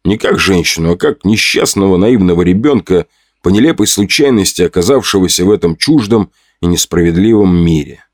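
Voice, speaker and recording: A man giving expressive scripted narration of an audiobook. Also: low voice, a little fast, no room sound, clean studio sound.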